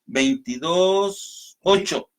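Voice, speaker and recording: A man's voice: sits high, drawn-out words. Man teaching a Bible study. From Mexico. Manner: explanatory, addresses listeners as brothers, reads scripture aloud. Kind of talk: radio Bible study talk.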